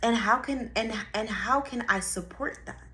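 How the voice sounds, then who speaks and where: A young woman vlogger speaks straight to camera in a casual motivational monologue, on the high side at a moderate pace. Blunt and profane, she drives points home by repeating them, her voice swinging between quiet asides and loud bursts.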